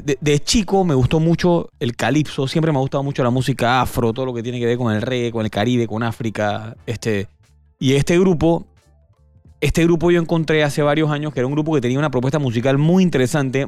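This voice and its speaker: Productor panameño que titubea y repite. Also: male voice, mid-range voice, darkish tone, no echo. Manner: halting, repeats words when thinking. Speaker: music producer guest. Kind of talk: casual interview conversation.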